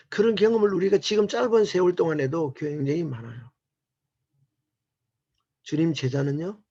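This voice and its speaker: High, gravelly man lecturing a church class. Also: mellow. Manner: earnest, asks the audience rhetorical questions. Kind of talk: sermon-like lecture. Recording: muffled lo-fi recording.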